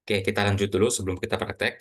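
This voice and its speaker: A man teaching Quran reading to a class, quizzing students and slowly reciting example words. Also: fairly low pitch, level tone. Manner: patient, asks students questions, models recitation slowly.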